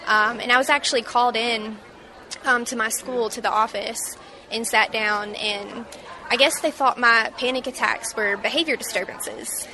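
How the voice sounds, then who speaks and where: A woman in her twenties from Mississippi recounting a personal story in an interview, halting and reflective with many fillers. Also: a little high, steady tone, noisy background. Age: 20s. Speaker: interview guest.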